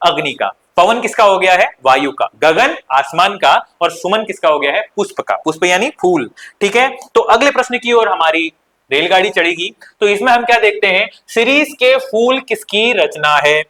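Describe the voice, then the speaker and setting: Man, high voice, bright tone, teacher, quizzing students then answering himself. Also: animated, moderate pace. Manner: addresses students as children, asks and answers his own questions. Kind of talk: exam-prep Hindi lesson.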